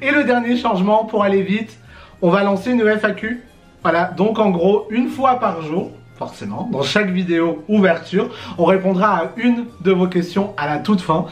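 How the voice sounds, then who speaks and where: Excited guy cohosting a vlog, high voice, laughs a lot. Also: normal speed, soft background music. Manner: excitable and playful, laughs often. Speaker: YouTube co-host. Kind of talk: excited casual vlog chat.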